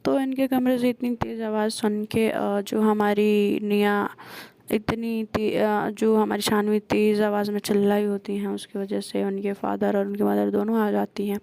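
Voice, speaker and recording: Gravelly woman retelling a story. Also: mid-range voice, little pitch movement, measured pace, warm tone, dry recording. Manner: retells scenes with quoted dialogue, frequent hesitations. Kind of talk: casual spoken story retelling.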